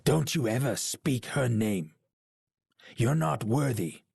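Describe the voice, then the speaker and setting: An actor playing a proud, paranoid warrior king in a game cutscene, with a gravelly, husky voice and an imperious, scornful manner. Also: medium pitch, animated, a little mellow, no room sound, clean studio sound, full character voice. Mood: commanding, menacing. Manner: imperious, scornful, slow and deliberate. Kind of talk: dramatic video game cutscene acting.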